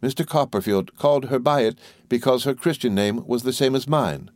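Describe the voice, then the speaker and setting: A man's voice: medium pitch, a little fast, a little mellow, dry recording, voice pushed up, close to an everyday voice. A man voicing a timid, helpless young mother in an audiobook, with a meek, faltering, plaintive manner. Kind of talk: audiobook character voice.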